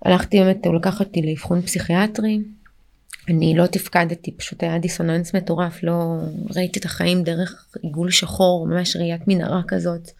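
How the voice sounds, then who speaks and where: Young woman guest, gravelly edge, halting personal testimony with lots of restarts. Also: lowish voice, level tone, darkish tone. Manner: halting, full of fillers and restarts. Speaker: interview guest.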